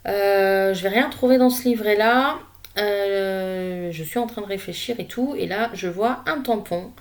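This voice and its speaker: Woman, craft vlogger, casual unhurried voice-over, hesitant and relaxed. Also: mid-range voice. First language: French. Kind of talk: casual voice-over narrating a scrapbooking session.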